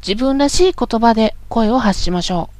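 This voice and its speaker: A woman giving a calm, polite, instructive voice training lesson as scripted narration. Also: a little high, moderate pace, dry recording.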